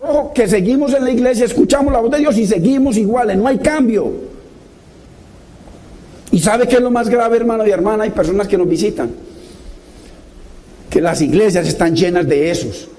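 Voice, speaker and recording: A man's voice: high voice, normal speed, pauses often, mellow. A man preaching a sermon, exhorting his congregation with repeated direct address and impassioned questions.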